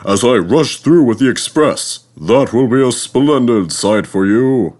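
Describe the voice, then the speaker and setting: Man as a big, pompous, forceful steam engine. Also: expressive, measured pace. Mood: boastful. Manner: pompous, booming boastfulness. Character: big, proud, boastful male steam engine.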